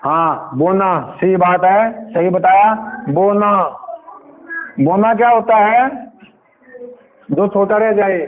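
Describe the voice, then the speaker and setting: A man teaches young children in a classroom. He has a high voice and an unhurried, coaxing manner, drawing words out syllable by syllable. The sound is tinny and narrow, like a phone line, with a faint hiss behind it. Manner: patient, coaxing, repeats and spells out words slowly. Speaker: primary school teacher. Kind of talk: classroom Hindi lesson. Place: village government school classroom.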